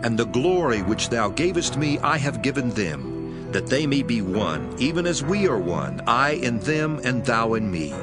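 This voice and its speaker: A man's voice: medium pitch, very animated, unhurried. A man playing Jesus, a solemn, tender teacher, in a dramatized scripture reading with earnest, prayerful delivery. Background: background music.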